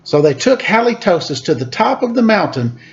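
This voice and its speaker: A high-voiced man with big swings in pitch reads a picture book for story time, unhurried and playful, with casual comments on the pictures along the way. The audio is lo-fi.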